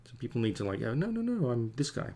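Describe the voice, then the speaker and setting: Warm and very animated, the forties comic artist talks at a quick clip in a mid-range voice. He's drawing at his home studio desk, keeping up a rambling, self-mocking chat with stream viewers.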